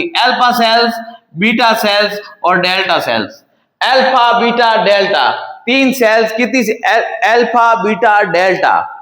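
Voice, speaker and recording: Guy teaching a class, really high bright voice, bit of a sore throat, quizzes then answers himself, echoey room. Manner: asks the class questions and answers them himself; repeats key terms slowly for emphasis. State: slightly sore throat, clears it now and then. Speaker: paramedical teacher. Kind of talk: classroom lecture on video.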